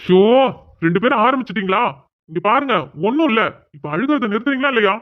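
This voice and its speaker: ஒரு பெண் நடிக்கும் சலித்துப்போன இளம் மகன். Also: female voice, on the high side, animated, fast, close to an everyday voice. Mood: exasperated. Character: young man, exasperated injured son. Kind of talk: cartoon voice acting. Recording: tinny phone-like sound.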